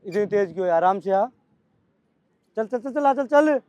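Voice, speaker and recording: A male coach with a Delhi Hindi accent calling brisk commands and scolding his trainees at practice. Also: high voice, animated, a little mellow, dry recording, highs cut off.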